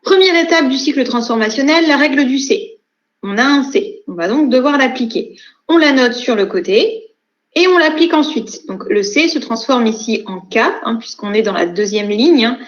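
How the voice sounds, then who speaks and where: A young woman teaching a class, walking through each step methodically and pausing on fillers as she goes. Her voice sits a bit high. The recording is echoey and somewhat dull. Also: animated. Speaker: university lecturer. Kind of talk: online lecture.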